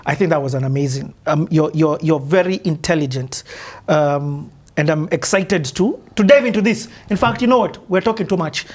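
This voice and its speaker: A man's voice: a little high, normal speed, hardly any pauses. A man with a Kenyan accent hosting a casual interview, chatty, laughing often and slipping into Swahili. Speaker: podcast host.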